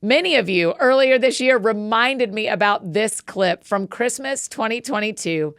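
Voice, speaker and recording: A woman's voice: a little high, lively intonation, normal speed, a bit bright, clear, resonant tone, no echo, clean studio sound. A woman, hosting a podcast and speaking earnestly with frequent laughs. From Atlanta, USA. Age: 40s. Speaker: podcast host. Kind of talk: scripted monologue and casual chat.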